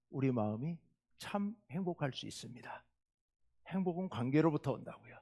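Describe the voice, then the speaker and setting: A male pastor preaching a sermon, telling a story with loud outbursts and quiet asides. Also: mid-range voice, big-room sound. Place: church sanctuary.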